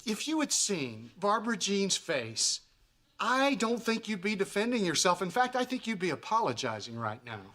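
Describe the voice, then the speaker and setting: An actor playing a hesitant man trying to smooth things over, in a sitcom. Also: high voice, sing-song, moderate pace, pushed and bright, full character voice. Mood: sheepish. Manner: hesitant, placating. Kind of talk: sitcom acting.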